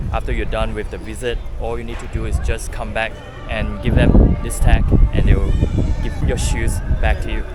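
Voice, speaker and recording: A man from Malaysia with a Malaysian English accent, narrating a travel vlog as he walks around a busy temple site, explaining eagerly like a tour guide. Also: mid-range voice. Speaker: travel vlogger. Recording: loud music over outdoor sound.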